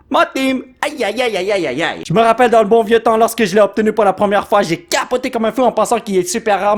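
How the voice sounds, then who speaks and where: Give me an excitable Québécois man whose high, lively voice leaps around as he tears open card packs at home and rattles off every card name. He teases his son between pulls in a casual, playful way. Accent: Québécois French. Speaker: YouTuber host. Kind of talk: card pack opening commentary.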